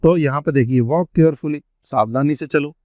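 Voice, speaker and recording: A man teaching an English grammar lesson, stretching out each example sentence slowly as he reads it. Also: on the high side, darkish tone, dry recording. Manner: slow, drawn-out reading of example sentences. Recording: dry, dull lo-fi sound.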